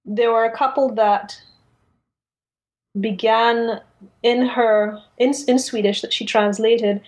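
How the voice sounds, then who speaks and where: A woman's voice: a little high, low-quality recording. A woman co-hosting a literary discussion, articulate and careful in choosing her words. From Caribbean. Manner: articulate, deliberate, careful with word choice. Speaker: podcast co-host. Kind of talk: literary discussion, casual chat.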